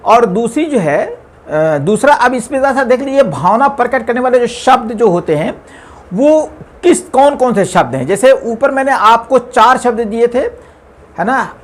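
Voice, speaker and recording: A man's voice: extremely high pitch, animated, moderate pace. Patient man teaching grammar. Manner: patient, repetitive explaining with frequent fillers. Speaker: English teacher. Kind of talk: classroom grammar lesson.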